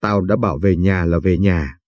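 A man playing a gruff, short-tempered husband who gives curt orders. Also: deep voice, normal speed, a little mellow, no room sound, voice pushed down, natural voice. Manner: curt, bossy.

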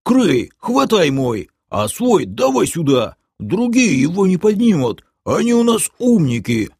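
A man voicing a massive, slow male half-orc who talks bluntly in an audiobook. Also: high-pitched, very animated, a little mellow, husky, dry recording, clean studio sound, pitched above the performer's own voice, full character voice.

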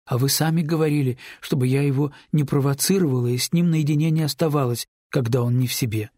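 A man's voice: medium pitch, quick pace, a little mellow, no room sound, clean studio sound, close to an everyday voice. A man reading an audiobook, voicing a distraught, tearful teenage neighbor girl who pleads and apologizes in a rush. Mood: pleading, upset.

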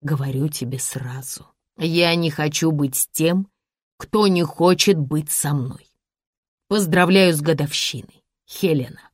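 A woman's voice: low voice, a little slow, dry recording, clean studio sound. A woman reading an audiobook, voicing a bitter man who speaks in a clipped, cold way. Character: bitter, curt man ending a romance.

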